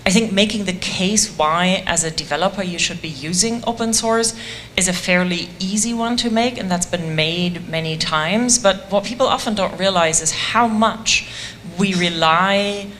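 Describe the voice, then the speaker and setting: A woman's voice: fairly low pitch, normal speed, fairly bright tone, slight background noise. A woman speaking enthusiastically on a conference panel about a community-driven voice project, with a self-deprecating humor.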